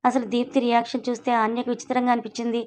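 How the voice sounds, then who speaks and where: A woman storyteller narrating a written story aloud in a brisk, steady reading. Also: a little high.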